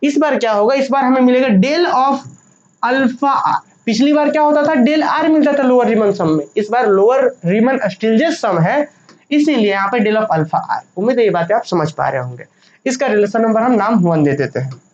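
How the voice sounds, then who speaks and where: A woman's voice: a little high, lively intonation, moderate pace, a little mellow. A woman teaching a maths lecture, patient and repeating each point, mixing English terms into her talk. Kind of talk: classroom lecture. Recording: dull lo-fi sound with faint noise.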